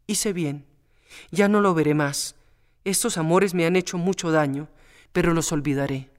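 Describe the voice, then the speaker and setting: A man's voice: on the high side, normal speed, close to an everyday voice. A man reading a storybook aloud and voicing a young widow torn by love, pleading and impassioned. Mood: resigned.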